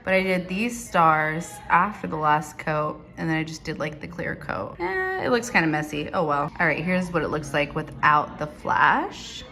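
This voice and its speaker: A woman's voice: low voice, sing-song, normal speed, hardly any pauses, sharp tone. A woman in her early thirties chatting casually in a rambling, conversational way for a home vlog, often saying "like". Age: early 30s. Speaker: vlogger. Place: indoors at home.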